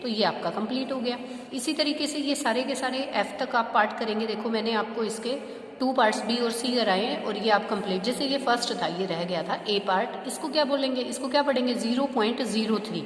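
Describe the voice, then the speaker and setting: A woman's voice: a little high, fairly quick, reverberant, long reverb tail. A woman maths teacher explaining step by step to young students, patient and asking them questions as she goes. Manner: checks understanding with rhetorical questions. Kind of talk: classroom lesson explaining to students.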